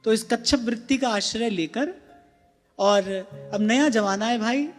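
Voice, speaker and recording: High-voiced man giving a devotional talk. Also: unhurried. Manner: gentle, repetitive, asks listeners questions. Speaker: spiritual discourse speaker. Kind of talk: devotional discourse. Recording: long hall reverb with faint music.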